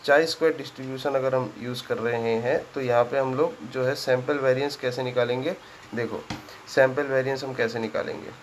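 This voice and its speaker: A man's voice: medium pitch, steady tone, moderate pace, low-quality recording. A man teaching a statistics lesson, working sums aloud and checking in with his students after nearly every step. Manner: conversational, checks in often with "ठीक है?", works sums aloud. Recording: faint background noise.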